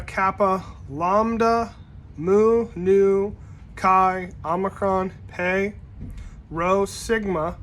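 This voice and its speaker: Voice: mid-range voice, a little hiss or hum. Church Greek instructor, casual recorded lesson, easygoing delivery with frequent fillers and restarts. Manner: relaxed, conversational, with frequent ums and self-corrections. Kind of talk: informal recorded language lesson.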